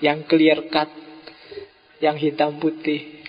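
A man giving an informal philosophy study talk to a gathering, with relaxed joking asides. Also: on the high side, slow. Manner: relaxed, joking asides, mixes in Javanese words. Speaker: philosophy lecturer. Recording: dull, reverberant hall sound.

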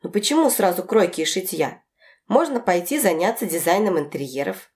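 A woman's voice: on the low side, expressive, fairly quick, a little mellow, close to an everyday voice. A woman voicing a retired older mother who scolds and lectures her daughters reproachfully.

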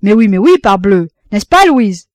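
A woman voicing a boisterous old father who exclaims loudly, in an audiobook reading. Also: on the high side, quick pace, no echo, studio quality, close to an everyday voice. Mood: hearty. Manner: loud, exclaiming.

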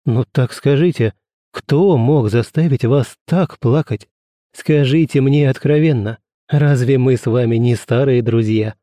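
A man reading the part of a gallant gentleman who speaks softly and sweetly, with coaxing tenderness and a touch of sad irony. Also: mid-range voice, unhurried, no room sound, clean studio sound, natural voice. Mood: urgent. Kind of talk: audiobook character reading.

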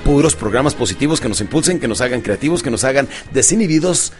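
A man's voice: mid-range voice, animated, fast talker, soft background music. A man giving a motivational self-help audio talk. He acts out both sides of conversations and calls his listeners champions. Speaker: motivational speaker.

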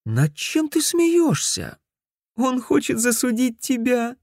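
A man voicing a perky young woman switchboard operator with a high, sing-song, mocking delivery. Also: very animated, normal speed, a little mellow, dry recording, studio quality. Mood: teasing.

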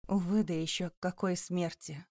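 A woman's voice: on the low side, fairly even intonation, a little mellow, no echo, clean studio sound. A woman doing a grave police chief. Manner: measured, regretful.

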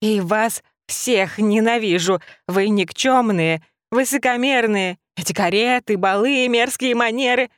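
A woman voicing a small, hysterical, foul-mouthed male rabbit with shrill, snarling yells. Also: lively intonation, slow pace, no echo, clean studio sound. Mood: ranting.

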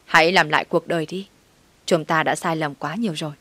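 Woman reading a cold scolding husband, curt, low voice, dry sound. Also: fairly even intonation, a little fast, sharp tone, no echo. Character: cold, harsh young husband walking out.

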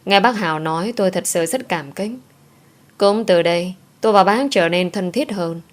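A woman narrating a first-person story in a calm, measured reading voice. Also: on the low side.

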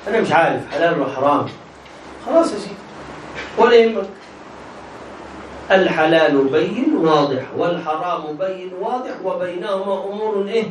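Egyptian male teacher, high-pitched, quizzing style, distant and echoey. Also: brisk, long pauses. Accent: Egyptian Arabic. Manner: quizzes students with prompting half-questions. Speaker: religious teacher. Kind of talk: classroom lesson on jurisprudence. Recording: echoey room, distant mic, faint hiss.

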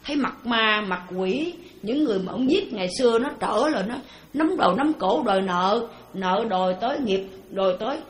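A woman's voice: a little high, lively intonation, normal speed. A woman giving a Buddhist dharma talk in a conversational way, asking many rhetorical questions. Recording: roomy echo.

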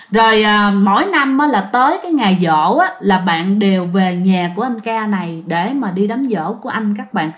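A woman with a Southern Vietnamese accent telling a ghost story in a chatty, casual way, often addressing her listeners. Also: mid-range voice.

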